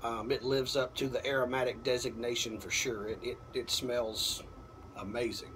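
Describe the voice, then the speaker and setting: A man in his thirties gives a casual, unhurried product review to camera, often halting as he thinks aloud. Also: mid-range voice, level tone, a bit bright. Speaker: pipe tobacco reviewer. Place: apartment balcony at night. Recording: clearly noisy, outdoor ambience.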